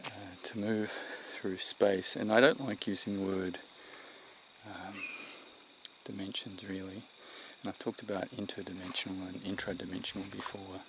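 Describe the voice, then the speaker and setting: A middle-aged Australian man with a low, gravelly voice talks in a halting, reflective vlog style. He sounds tired and short of breath. The recording is outdoors, with clear background noise. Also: level tone. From New South Wales, Australia. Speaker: vlogger. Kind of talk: unscripted vlog to camera. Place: outdoors in the mountains.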